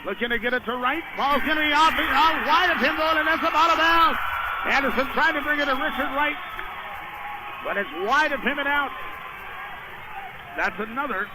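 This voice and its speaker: A man with a very high voice calls an indoor high school basketball game on live radio at a normal speed, leaving long pauses. The setting is very noisy, and he describes the action in short, continuous snippets.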